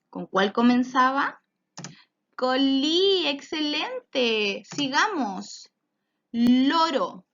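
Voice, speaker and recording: A woman's voice: high-pitched, fairly bright tone. A woman teaching a children's phonics lesson, drawing out each word and praising often. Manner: slow, drawn-out words for children, encouraging praise. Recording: dull lo-fi sound.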